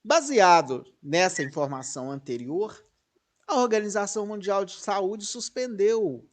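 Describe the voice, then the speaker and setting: A high-pitched man hosts political commentary over a video call. He is excitable and wanders off on tangents, often correcting himself mid-sentence.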